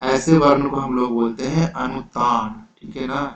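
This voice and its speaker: A man teaching an exam-prep lecture, explaining slowly and patiently, checking in with his students again and again. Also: mid-range voice, steady tone. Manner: slow, repetitive explaining with frequent "theek hai". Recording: roomy, dull lo-fi sound.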